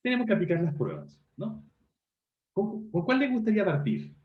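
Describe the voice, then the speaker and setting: Over roomy, dull, lo-fi video call audio, a male university teacher with a high-pitched, wildly swooping voice teaches online at a moderate pace. He checks comprehension as he goes by asking his students questions.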